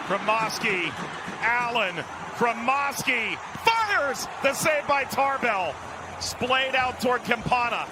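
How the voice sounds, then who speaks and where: A man's voice: very high-pitched, sing-song, slow. A man doing live soccer play-by-play, calling players' names in clipped phrases. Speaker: play-by-play commentator. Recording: loud stadium noise behind commentary. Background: noisy stadium ambience.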